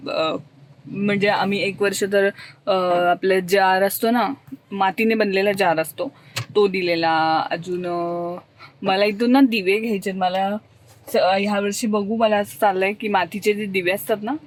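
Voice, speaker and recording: A woman's voice: steady tone, unhurried, low-quality recording. A young woman with a Marathi accent, talking casually to the camera in a family vlog, explaining her plans as she goes. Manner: baby talk to a toddler, high sing-song. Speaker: vlogger. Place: outdoors and in a car, rainy coastal day. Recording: phone vlog with clear background noise.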